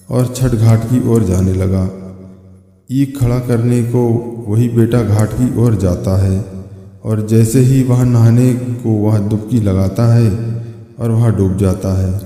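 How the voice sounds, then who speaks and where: A man narrating a devotional folk story in a steady, dramatic storytelling manner. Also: lowish voice, slow. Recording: echoey room with long reverb.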